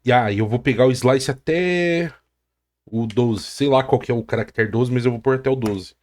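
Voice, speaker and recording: A man with a Brazilian Portuguese accent and a medium-pitched, slightly mellow voice teaches a screen-recorded coding lesson at normal speed. He explains step by step and often checks in with the listener.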